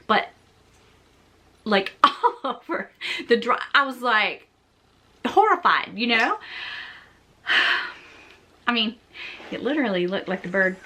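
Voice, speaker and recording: Bright, animated woman vlogger. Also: high voice. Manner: animated, laughing through the story, exclaiming. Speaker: fashion vlogger. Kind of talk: casual storytelling to viewers.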